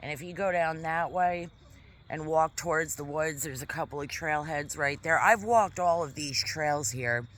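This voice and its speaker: A woman vlogging casually in a quiet park, chatting in a rambling way while she eats. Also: low-pitched. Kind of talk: casual vlog chat. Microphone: camera mic.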